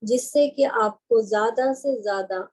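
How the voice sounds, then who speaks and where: A woman leads a guided meditation lesson in a slightly high, mellow voice. She talks very slowly and gently, pausing and hesitating softly as she explains each step to the listener. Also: poor audio. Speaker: meditation instructor.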